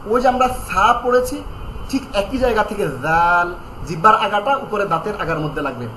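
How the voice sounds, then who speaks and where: A man whose voice sits high calmly teaches Quran pronunciation online, drilling every letter sound slowly and repeatedly while giving step-by-step guidance on tongue placement. The low-quality recording is roomy, with slight background noise.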